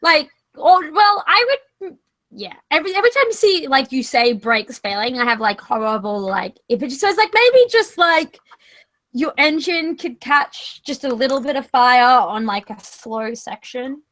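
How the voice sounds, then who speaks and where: Young woman cohost, really high voice, giggly, rambles with lots of likes. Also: very animated, normal speed, fairly bright tone. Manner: giggly, rambling with many fillers. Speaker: podcast co-host. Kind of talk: casual chat.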